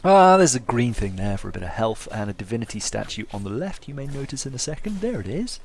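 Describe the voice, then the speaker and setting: Very animated and fast-talking, a gameplay commentator with a mid-range voice and noticeable vocal fry jokes wryly about himself in a casual style. The recording carries faint background noise.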